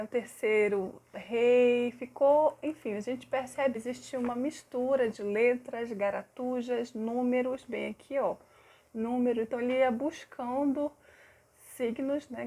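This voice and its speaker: Brazilian teacher, slow syllable-stretching speech. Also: female voice, fairly high pitch, darkish tone. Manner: explanatory, stretches words slowly to model syllables and vowel sounds. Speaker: literacy teacher. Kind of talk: recounting a classroom case study.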